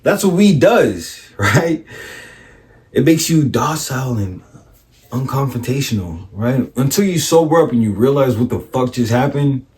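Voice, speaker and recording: A life coach tells a personal story in blunt, casual, profane language, frequently checking in with "right?" and acting out what other people said. His mid-range voice is a bit slow and mellow, with lively intonation.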